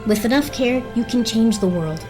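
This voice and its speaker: A woman voicing a stern, earnest pony princess in a dramatic comic reading, speaking in a formal, measured manner. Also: on the high side, expressive, music in the background, lightly acted.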